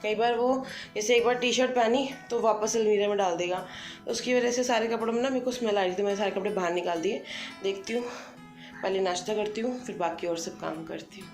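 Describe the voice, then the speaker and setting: A woman's voice: mid-range voice, fairly quick, darkish tone. A woman in her thirties talks through her day at home in an easy, chatty way, slipping English words into her sentences. Her voice rings a little in an echoey room. Music plays steadily beneath her. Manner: chatty, thinking aloud, mixing in English words. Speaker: homemaker vlogger. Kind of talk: casual daily vlog narration. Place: home kitchen.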